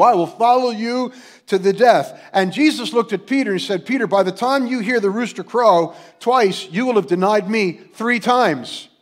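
A middle-aged pastor preaches in a notably high voice for a man. He is earnest and unhurried, slowing down to let key words land. The delivery is a steady sermon to a congregation. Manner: earnest preaching with slow dramatic pauses.

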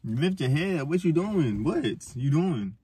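A man's voice: a little high, big pitch swings, measured pace, dark tone, slightly rough, no room sound. A man hosting a vlog, teasing and rambling jokily through a blindfolded date skit. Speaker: vlog host.

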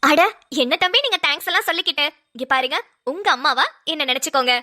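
Woman voicing a soft-hearted cartoon mother with a bright, high voice. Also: lively intonation, fast talker. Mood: gentle. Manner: gentle, motherly, pleading. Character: kind, tender-hearted middle-aged mother. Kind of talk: homemade cartoon voice acting.

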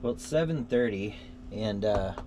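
A man's voice: on the low side, measured pace, noisy background. A middle-aged man vlogging casually inside a small truck camper at night, chatty and laid-back, with frequent fillers and easy laughs. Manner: relaxed, chatty, laughs often, many fillers. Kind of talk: casual vlog talk to camera.

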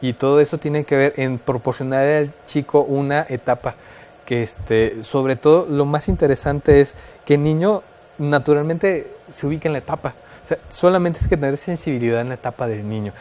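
A man's voice: on the high side, moderate pace, dark tone. A man with a Mexican Spanish accent, talking as an expert guest on a radio show and explaining child development in a thoughtful way, with fillers and restarts.

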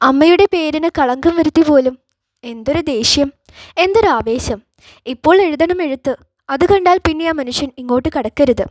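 A woman's voice: sits high, expressive, moderate pace, no room sound, studio quality. A woman voicing a heartbroken young woman who needles and reproaches her sister in a storybook reading. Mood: bitter.

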